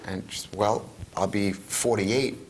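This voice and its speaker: A man's voice: on the low side, steady tone, a little slow, a little hiss or hum. A middle-aged man co-hosting a casual talk show, rambling and repeating himself as he gives advice. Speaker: co-host. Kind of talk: casual chat.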